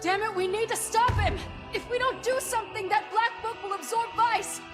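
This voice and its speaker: A fierce female fighter in a video game. Her voice is pitched very high, brash and aggressive, with loud music behind it. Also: moderate pace. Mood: urgent. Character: fierce, foul-mouthed, hot-tempered young warrior woman.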